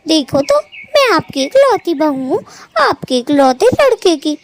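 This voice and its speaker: A woman's voice: high voice, sing-song, measured pace, a little hiss or hum. A woman voicing a sly young bird daughter-in-law in a cartoon, in a sugary, whiny, mock-sweet manner.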